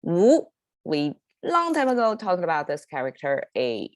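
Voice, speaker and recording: A woman's voice: lowish voice, huge pitch swings, unhurried, no echo. A woman whose first language is Mandarin, hosting a casual Chinese lesson and explaining words in English with a Chinese accent, many fillers and self-corrections. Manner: conversational, with frequent fillers and self-corrections, occasional laughs. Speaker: Chinese language teacher and podcast host.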